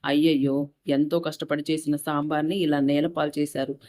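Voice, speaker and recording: A woman reading a story aloud voices a furious, bossy young wife who scolds and shouts. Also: deep voice, level tone, a little fast, natural voice. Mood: scolding.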